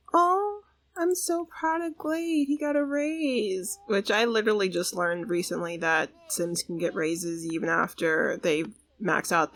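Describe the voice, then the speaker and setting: A woman's voice: mid-range voice, fairly bright tone. A woman hosting a gaming channel, giving bubbly, chatty let's play commentary and saying "like" a lot.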